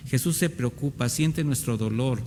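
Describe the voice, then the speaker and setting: A man's voice: medium pitch, moderate pace, dark tone. A male pastor, delivering an earnest sermon in church and acting out the voices of doubting believers. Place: church hall. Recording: reverberant church hall, faint background noise.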